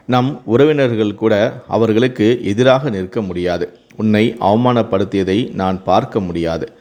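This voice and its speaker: A man's voice: lowish voice, measured pace, darkish tone, close to an everyday voice. A man voicing a remorseful widowed mother. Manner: pleading, apologetic.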